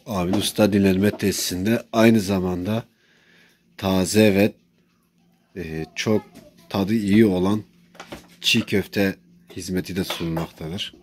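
A man's voice: deep voice, fairly even intonation, slow pace, long pauses. Man presenting, slightly noisy recording. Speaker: presenter of a local promotional video. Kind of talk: promotional narration, semi-improvised. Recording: noisy on-location sound with ambience.

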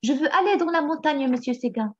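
A woman's voice: high-pitched, lively intonation, fairly quick. A woman voicing a stubborn little goat. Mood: pleading. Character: stubborn young female goat, polite. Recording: slightly dull recording.

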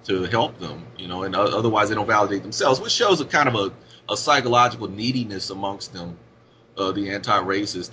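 A man talking on a podcast as co-host, rambling with many fillers and dropping at times into low mutters. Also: pushed and bright. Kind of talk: casual podcast discussion. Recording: dull lo-fi audio with faint hiss.

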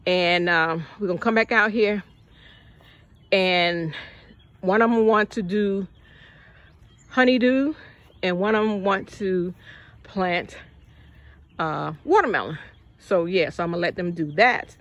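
A woman's voice: fairly low pitch, takes it slowly, long pauses, a bit bright, muffled recording. Breathless older woman touring her garden. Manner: chatty, folksy, addresses viewers as y'all. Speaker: gardening vlogger. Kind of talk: casual garden walkthrough. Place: outdoor backyard garden.

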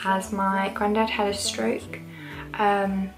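A young British woman talks casually to camera at home. Her medium-pitched voice has plenty of vocal fry, and music plays clearly behind her. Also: level tone, slow, rough recording. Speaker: vlogger. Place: small living room at home, indoors. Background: background music.

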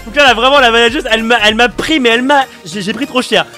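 A young man telling a story on his vlog, animated and slangy, acting out the people in it. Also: very high-pitched, quick pace, soft background music. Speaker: vlogger.

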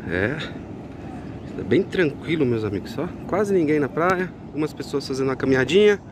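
A man's voice: a little high, expressive, a little fast, noisy background. A man, chatting casually to viewers while walking a market and a beach, recorded on a handheld phone outdoors. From Brazil. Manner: chatty, keeps addressing viewers as friends. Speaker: vlogger.

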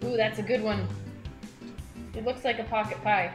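A woman's voice: mid-range voice, fairly even intonation, normal speed, roomy sound, over music, rough recording. A woman in her thirties hosting a home cooking video in her kitchen, chatty and enthusiastic, praising the food as she explains each step. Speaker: cooking show host.

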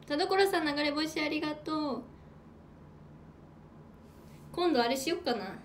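A woman from Hokkaido sits close to the mic for a solo livestream and talks in a high, bright register. She reads out viewer comments and thanks each one in a relaxed, playful way, snacking as she goes. A faint hiss of background noise sits under her voice. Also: fairly quick. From Hokkaido, Japan. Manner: chatty, playful, eats while talking. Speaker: idol livestreamer. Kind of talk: casual solo livestream chat.

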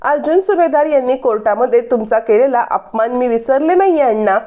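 A woman's voice: fairly high pitch, lively intonation, fairly quick, warm tone, lightly acted. A woman voicing a scheming young woman who speaks in a determined, conspiratorial way, on dull lo-fi audio.

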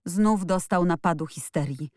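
Woman doing a frightened, hurried nurse. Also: lowish voice, a little mellow, no echo, studio quality, close to an everyday voice. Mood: pleading. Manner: hurried pleading.

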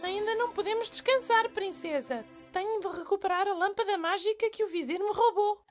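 A woman's voice: extremely high pitch, a little fast, soft background music. A woman voicing a plucky, sweet young boy frog hero in a cartoon dub, with a European Portuguese accent. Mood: worried.

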